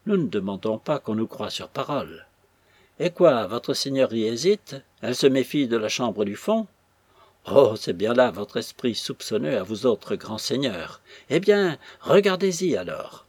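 A man voicing a scheming old woman who fawns and wheedles, in a shrill, husky voice. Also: big pitch swings, unhurried, a little mellow, no echo. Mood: sly, coaxing. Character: scheming cackling old woman, fawning and sly.

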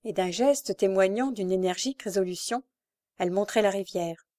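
A woman's voice: mid-range voice, normal speed, warm tone. A woman reading a classic novel aloud as scripted narration, rising to urgent emphasis in the dialogue. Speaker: audiobook reader.

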